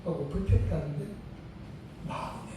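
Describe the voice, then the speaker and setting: A man's voice: on the high side, normal speed, background noise. An older man, a retired senior pastor, preaching a sermon and telling a story with emphatic, repeated phrases. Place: church sanctuary. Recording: very echoey sanctuary, mic far off.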